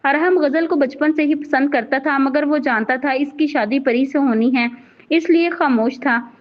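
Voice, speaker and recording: High-voiced woman reading a novel aloud. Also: unhurried. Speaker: story narrator. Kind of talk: scripted narration of a novel. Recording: dull lo-fi recording.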